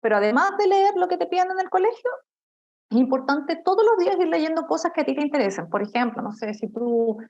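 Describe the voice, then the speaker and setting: Chilean woman teacher, middle-aged, bright higher voice, muffled lo-fi audio, talks straight to students. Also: very animated, fast talker. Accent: Chilean Spanish. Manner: explanatory, addresses students directly with frequent checks. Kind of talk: study-skills lesson. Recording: dull lo-fi recording.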